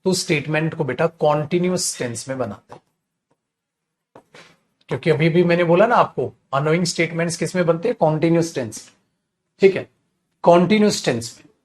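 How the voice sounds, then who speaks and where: A man's voice: fairly high pitch, normal speed, long pauses. A man teaching an English grammar class in Hindi, calling students "beta" and acting out angry scolding examples. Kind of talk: live online grammar class.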